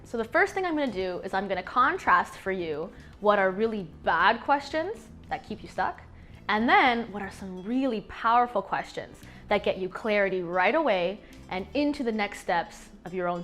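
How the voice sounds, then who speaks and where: A woman's voice: mid-range voice, a bit bright. Emphatic woman coaching with faint music. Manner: emphatic, leans on key words. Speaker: host. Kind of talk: motivational coaching talk.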